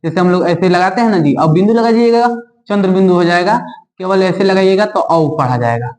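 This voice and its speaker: A man teaching a Hindi grammar lesson at a board, repeating key terms, quizzing the class and drawing out vowel sounds slowly. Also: high voice, darkish tone, roomy sound, rough recording. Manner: drawn-out, deliberate delivery of vowel sounds.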